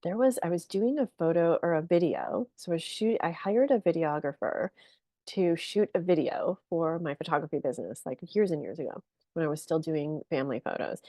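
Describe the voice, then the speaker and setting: A woman guest on a podcast, telling a long personal story in a casual, animated way with lots of fillers and laughter. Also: low voice, moderate pace, no echo, clean studio sound. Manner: animated, chatty, many fillers, laughs often.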